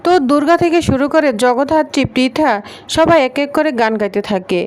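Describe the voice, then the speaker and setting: Woman narrator, rapid episode recap, high voice, chatty storytelling. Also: expressive, a little mellow. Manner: storytelling, repeatedly linking with "then she says".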